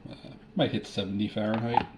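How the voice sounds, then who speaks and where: A man's voice: fairly low pitch, little pitch movement, fairly quick. A man narrating his daily routine at home in a plain, matter-of-fact way, talking through each step as he goes. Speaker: vlogger. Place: at home, kitchen. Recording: loud background noise.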